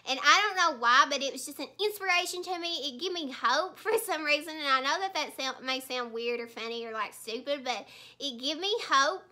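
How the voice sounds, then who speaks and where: High, bright-voiced chatty woman vlogger. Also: fairly quick. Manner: chatty and heartfelt, many fillers and restarts. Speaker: beauty vlogger. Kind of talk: casual chat while doing makeup.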